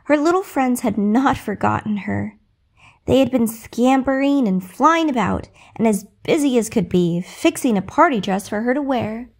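A woman reading a bedtime story aloud in a gentle, soothing, expressive way. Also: fairly high pitch, normal speed.

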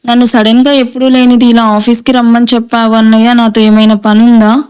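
A woman's voice: on the high side, flat delivery, brisk, darkish tone, clean tone, natural voice. Woman reading as a timid, pleading younger brother. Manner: pleading, hesitant.

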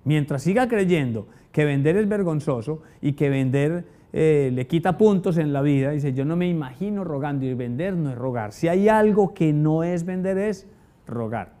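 A man teaching a motivational sales lesson to an audience, telling stories and asking rhetorical questions. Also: on the high side. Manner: animated storyteller, asks rhetorical questions. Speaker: sales trainer.

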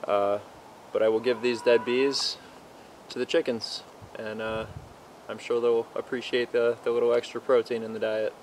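A man's voice: mid-range voice, normal speed, slight background noise. A young man filming a casual homestead vlog in a snowy backyard, explaining at an easy pace with lots of ums and uhs. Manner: relaxed, explanatory, many fillers. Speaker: homestead vlogger. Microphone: camera on a tripod.

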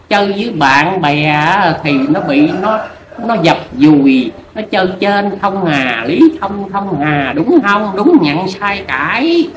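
A man playing a crude, bossy old fortune teller, scolding and teasing. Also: sits high. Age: older. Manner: scolding, teasing, rapid and bawdy. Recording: echoey room with noise.

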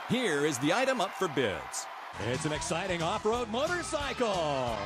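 A man playing an upbeat game show prize announcer in a video game, with a booming, excited, scripted delivery. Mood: excited, showy.

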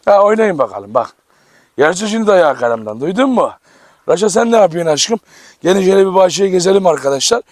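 A man vlogging casually in his outdoor garden with his dogs, talking to the camera and excitedly calling and scolding the animals. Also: high-pitched, fairly quick, no echo. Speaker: farm vlogger. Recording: noisy outdoor camera recording. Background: dogs barking.

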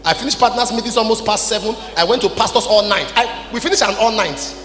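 His voice sits high, fast and fairly bright as this forties-aged Nigerian apostle addresses his congregation. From the stage of a big church hall he speaks into a handheld mic in short, emphatic, scolding phrases, with music behind the echoing PA.

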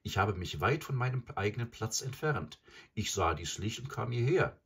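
Narrator playing a wolf-raised young man, proud and intense; animated, husky. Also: fairly low pitch, normal speed, pitched above the performer's own voice, full character voice. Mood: earnest. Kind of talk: audiobook character voice.

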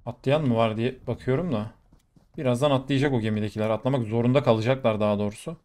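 A young man commentating his own gameplay live, excitable and quick to exclaim and swear in the middle of fights. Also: mid-range voice. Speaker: gaming YouTuber. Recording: faint game noise behind. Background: gunfire from the game.

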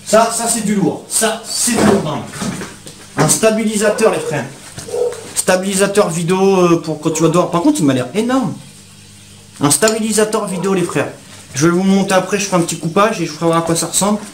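Excitable slangy young man, echoey room. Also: high-pitched, fairly quick, background noise. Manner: slangy, excitable, addresses viewers as brothers. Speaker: YouTuber. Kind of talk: casual unboxing vlog.

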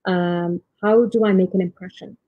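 Through a laptop or webcam mic, an Indian woman in her thirties presents a remote conference talk on leadership from a home room. She is soft-spoken with a lowish voice, fairly even intonation and moderate pace, often saying um and restarting; the video-call sound is tinny, husky and dry.

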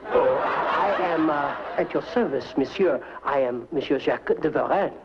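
An actor playing a young American who poses as a French author with a bad put-on French accent and overblown gallantry. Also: male voice, a little high, normal speed, lightly acted. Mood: pompous. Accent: bad fake French. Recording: dull old TV soundtrack with hiss.

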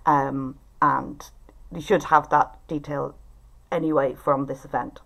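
Speaking from home on a video call, a woman with an Irish accent casually runs an online discussion as the facilitator and host of a writers' group event. She talks at a measured pace in a deep, creaky voice with a steady tone.

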